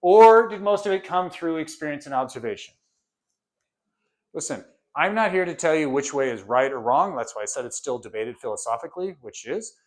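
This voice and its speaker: A male course instructor with a somewhat higher-than-usual voice talks through his lesson like a chat. He asks question after question and slips into quick impressions of students and parents to make his point. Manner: conversational, asks many rhetorical questions; briefly acts out imagined students and parents. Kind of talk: casual lecture.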